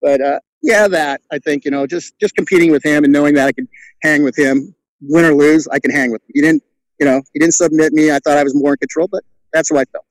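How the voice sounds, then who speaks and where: Fast-talking middle-aged man, rambling stories. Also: a little high, fairly even intonation, no echo, poor audio. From California. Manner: rambling, lots of "you know", acts out quotes. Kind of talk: casual storytelling interview.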